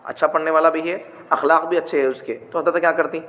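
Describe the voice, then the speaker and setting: High-voiced man teaching in an echoey hall. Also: steady tone, fast talker, fairly bright tone. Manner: keeps asking rhetorical questions and repeating points. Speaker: religious teacher. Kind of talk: teaching talk on prayer. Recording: dull, echoey hall with faint noise.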